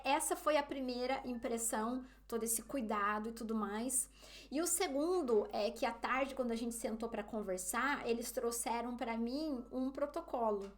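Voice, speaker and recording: A woman's voice: a little high, fairly bright tone. A woman from Brazil with a Brazilian Portuguese accent, telling a story casually to her viewers and often turning to them directly. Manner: chatty, often addresses listeners as "gente". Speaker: vlogger.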